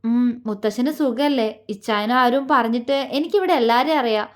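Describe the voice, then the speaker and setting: A woman's voice: fairly high pitch, moderate pace, close to an everyday voice. A woman voicing a cheerful, friendly young woman in a storybook reading.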